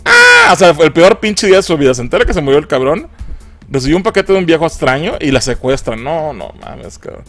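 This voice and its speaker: A man's voice: fairly high pitch, expressive, quick pace, faint music behind. A man with a Mexican accent giving a casual, profane film review. He mocks the movie and laughs often.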